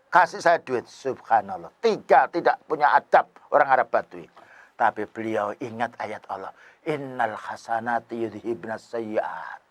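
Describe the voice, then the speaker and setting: Male preacher, higher voice, dry close mic, animated storytelling. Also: no room sound. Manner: animated storytelling, voice swings from loud to hushed, acts out quotes. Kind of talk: sermon.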